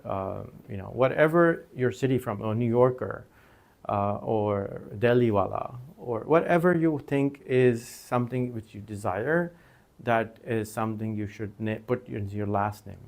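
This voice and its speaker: A man with a lowish voice and vocal fry delivers an informal recorded lecture as a course instructor. His first language is Urdu, and he teaches conversationally, with many fillers and restarts.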